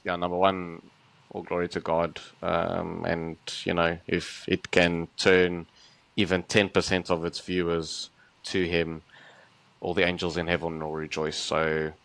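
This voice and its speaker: A man with a very deep voice talks in easygoing podcast chat. He sounds earnest and enthusiastic, padding his thoughts with fillers as he goes. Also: completely flat delivery, unhurried, gravelly, fairly bright tone, no echo, low-quality recording. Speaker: podcast co-host.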